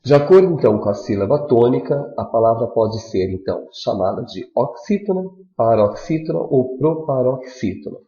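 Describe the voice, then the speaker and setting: Male teacher, dark mellow voice, slow emphatic review lesson, dull roomy recording. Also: mid-range voice, lively intonation. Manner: slow, emphatic, spelling out syllables. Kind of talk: classroom review lecture. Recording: dull echoey classroom recording.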